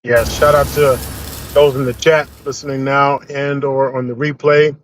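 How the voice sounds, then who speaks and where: A man's voice: medium pitch, little pitch movement, normal speed. A man joining a livestream as a guest over remote call-in audio, courteous and upbeat. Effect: remote call-in audio over a livestream link. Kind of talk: casual chat.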